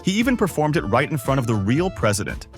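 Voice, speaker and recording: A man narrates with a lively, swooping pitch and hyped-up energy. Soft music plays under his voice, and he sounds polished and scripted. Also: fast. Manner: upbeat, hyped-up delivery. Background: faint background music.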